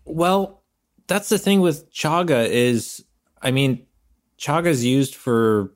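A man's voice: medium pitch, takes it slowly. A man on a casual podcast from home over a remote call, describing the taste of a beer and hedging as he goes. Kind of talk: casual chat.

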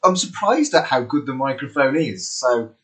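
A man's voice: medium pitch, moderate pace, slightly rough. A man hosting a podcast, introducing his guest and chatting in an effusive, friendly way. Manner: warm, effusive, animated intonation. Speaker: podcast host and celebrant. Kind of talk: casual interview chat.

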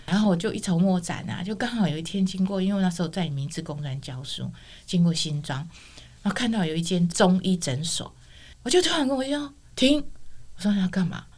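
A middle-aged woman speaks, her voice sitting a little low for a woman. She shares a personal testimony as a guest, vividly and expressively, switching into the voices of the people she quotes. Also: fast talker. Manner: expressive storyteller, acts out quoted dialogue.

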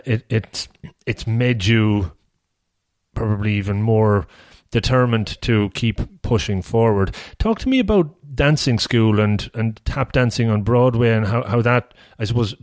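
A man's voice: medium pitch, measured pace, darkish tone, dry recording, clean studio sound. A man hosting a conversational interview, feeling his way through questions with hesitant, searching phrasing. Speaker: podcast interviewer, host.

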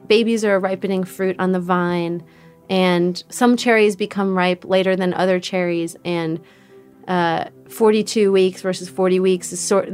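A woman telling a personal story as a podcast guest, candid and animated, acting out what others said. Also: medium pitch, clean tone. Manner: candid, animated retelling with quoted voices.

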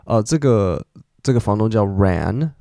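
Man, podcast host, casual teaching, chatty with fillers, warm mellow voice, dry close mic. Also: on the low side, lively intonation, unhurried, no echo. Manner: chatty, explains English words in Mandarin with many fillers.

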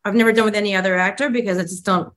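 A woman's voice: medium pitch, steady tone, rapid-fire, fairly bright tone. A woman co-hosting a casual rewatch podcast, telling self-deprecating stories about acting on the show. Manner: chatty, self-deprecating storytelling. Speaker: podcast co-host, former actress.

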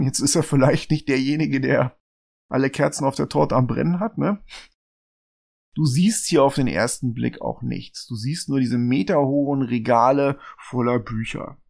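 A man narrating a tabletop game as game master, relaxed and wry. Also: mid-range voice, moderate pace, creaky.

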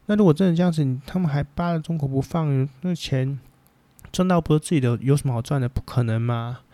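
A man's voice: on the high side, fast, warm tone, dry recording. A man with a Taiwanese Mandarin accent talking as a podcast host, rambling bluntly through a casual opinion chat and swearing freely.

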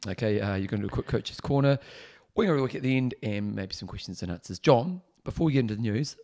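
A male sports podcast co-host with an average-pitched voice. He talks casually and plainly, using colloquial turns of phrase and a blunt manner. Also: expressive, fast talker, darkish tone.

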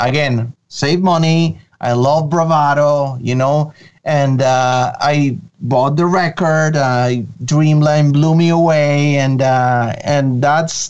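A man's voice: fairly high pitch, darkish tone, highs cut off. A man, talking eagerly as an interview guest, with many fillers and restarts. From Venezuela. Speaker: guest, creative director of an animation studio. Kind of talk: casual interview.

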